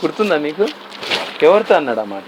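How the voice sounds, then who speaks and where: High-voiced male pastor preaching. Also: sing-song, quick pace, background noise. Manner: mixes English words into his talk, asks the listeners questions. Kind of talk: sermon.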